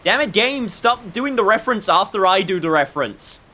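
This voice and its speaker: A streamer plays a game while giving casual, wry commentary, joking at his own expense and thinking out loud, with faint game music behind him. His voice is high, bright, and forceful, animated at a moderate pace.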